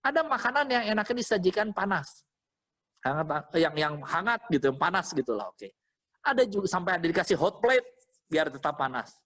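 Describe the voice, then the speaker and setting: A man with a high-pitched, somewhat fast voice preaches as a pastor, giving an informal conversational sermon to an online congregation. Animated and exhorting, he repeats phrases and keeps checking in with listeners through short questions.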